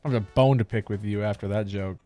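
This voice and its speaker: A man reacting casually to jokes, bantering and commenting in an expressive way. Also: fairly low pitch, fast talker. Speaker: reacting listener in a joke session. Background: music.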